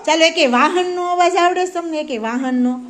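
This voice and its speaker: A woman's voice: very high voice, a little fast. A woman teaching a preschool class, asking the children questions and praising their answers. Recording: faint background noise.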